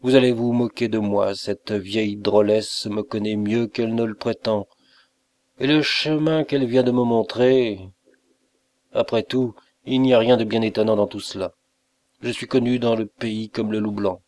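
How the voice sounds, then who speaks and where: A man's voice: fairly low pitch, fairly even intonation, normal speed, a little mellow, no echo, close to an everyday voice. A man reading aloud as a young nobleman, a count who teases and banters but turns uneasy, in a storybook reading.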